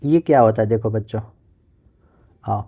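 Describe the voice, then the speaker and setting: Mellow-voiced Indian physics teacher. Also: male voice, lowish voice. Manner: coaxing, asks students questions and answers them himself; says he talks slowly on purpose. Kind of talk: online class lecture.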